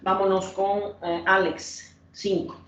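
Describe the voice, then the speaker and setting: A woman's voice: medium pitch, flat delivery, slow. A woman teaching an English class, patiently explaining grammar and calling on students by name. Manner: patient, repeats points and quizzes students by name. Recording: roomy, distant, dull lo-fi sound.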